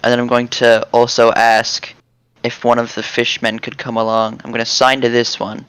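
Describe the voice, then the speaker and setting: A man's voice: mid-range voice, completely flat delivery, moderate pace, a bit bright, clean tone, no room sound, low-quality recording. A man playing a tabletop role-playing game, casually explaining what his character does.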